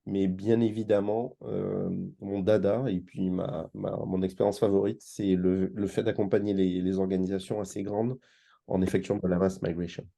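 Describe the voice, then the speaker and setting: A man from Martinique, France, an engagement manager appearing as a guest speaker, gives an informal conference presentation. His voice sits low and gravelly yet mellow, with little pitch movement and a moderate pace. He explains hesitantly, repeating words.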